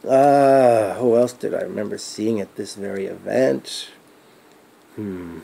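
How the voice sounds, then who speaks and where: A man giving a casual spoken event recap as a fan, rambling and thinking aloud with trailing pauses. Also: on the low side, gravelly, mellow, slightly rough.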